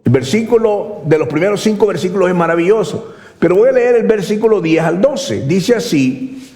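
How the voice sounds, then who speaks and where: A man's voice: high voice, animated, moderate pace, mellow, echoey room, in a large hall. A man preaching a sermon as pastor, speaking emphatically, asking the congregation rhetorical questions and calling them brother. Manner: emphatic preaching, calls listeners "hermano".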